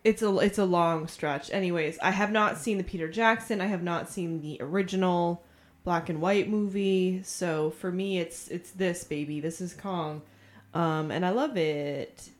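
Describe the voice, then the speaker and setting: A woman's voice: on the low side, measured pace. A young woman co-hosting a podcast, chatting casually about movies in a rambling way, swearing and losing her thread. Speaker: podcast co-host.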